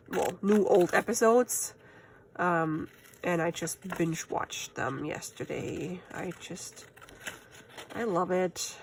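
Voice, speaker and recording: A crafting channel host with a lowish voice and a German accent, German being her first language, chats casually while making crafts at home. She's self-amused, laughs at herself often, and talks to herself as she works. A slight hiss or hum sits under the recording.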